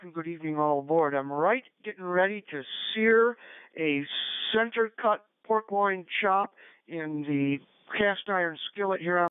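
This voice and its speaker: A man checking in on a ham radio net from his kitchen, relaxed and conversational, heard over a radio link. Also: high-pitched, clean tone, no room sound. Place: home kitchen. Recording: narrow radio-link sound, dry.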